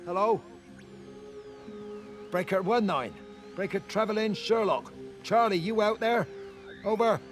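A lone caller over CB radio, high voice, loud urgent calls, sounds distant, video game. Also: male voice, a little slow, pauses often, soft background music. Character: lone adult man calling for anyone over CB radio.

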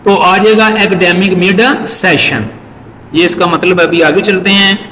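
A man teaching an exam-prep class, repeating each point and reading English lines slowly. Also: high-pitched, steady tone, bright, forceful tone. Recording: echoey hall with faint noise.

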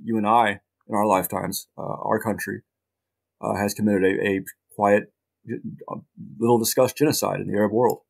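In a relaxed interview, a middle-aged male journalist answers haltingly, restarting often and slipping in dry asides. He has a lowish voice with vocal fry and a flat delivery.

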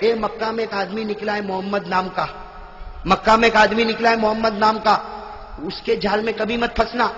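High, shouting preacher in an echoey hall. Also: male voice, level tone, moderate pace, slight background noise. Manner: dramatic storytelling, acting out dialogue, swelling to shouts. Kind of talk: emotional religious sermon. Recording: echoey hall, dull lo-fi sound.

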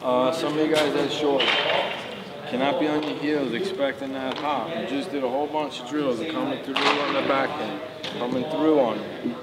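A man's voice: mid-range voice, low-quality recording. A man coaching young baseball players at a clinic, giving direct, instructive pointers. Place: large indoor sports dome. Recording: loud background noise in gym.

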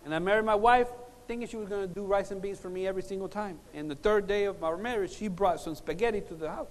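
A middle-aged Cuban-born man from Puerto Rico preaches a sermon full of humorous personal stories, using emphatic pauses and repetition in a high-sitting voice. He stands at a lectern on stage in a large conference hall, wearing a lapel mic, and the hall's sound system is reverberant.

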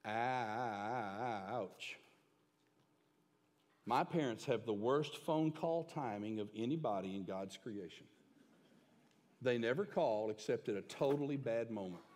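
A man's voice: mid-range voice, moderate pace. Man preaching in a reverberant church. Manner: emphatic, shifting between loud and hushed. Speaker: pastor. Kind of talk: sermon. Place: church sanctuary. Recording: long hall reverb.

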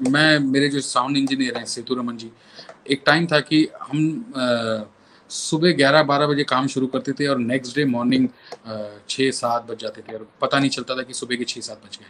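A middle-aged man, a musician guest telling animated anecdotes in an interview and acting out other people's lines. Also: mid-range voice, a little hiss or hum. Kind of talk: storytelling in an interview.

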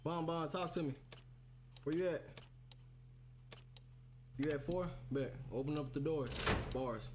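A man's voice: fairly high pitch, unhurried, pauses often, background noise. A man doing casual live horror game commentary to his chat, sounding scared, with slangy, profane, repetitive talk. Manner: slangy, profane talk, often repeating phrases. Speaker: video game streamer.

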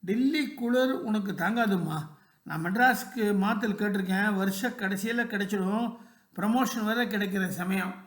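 Calm, reassuring grown son, a busy official, put on by a narrator, roomy storybook sound. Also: medium pitch, moderate pace, lightly acted. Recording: roomy echo.

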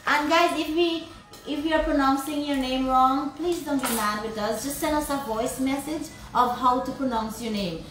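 A woman with a fairly high voice hosts a live cooking stream, effusive and chatty with her viewers. The sound is roomy and echoey, with faint ambience behind her. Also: steady tone, moderate pace, a bit bright, slight background noise. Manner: effusive, greets viewers with "big love". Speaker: cooking vlog host. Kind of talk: live cooking demonstration with viewer shout-outs.

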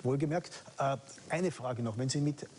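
A man's voice: mid-range voice, moderate pace, darkish tone, a little hiss or hum. A man hosting a studio book talk show, introducing guests formally. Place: studio set with books.

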